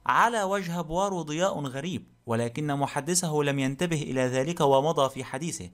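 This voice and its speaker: A man reading a novel aloud as an audiobook narrator, with a steady storytelling delivery. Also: fairly high pitch, a little fast. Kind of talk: scripted narration.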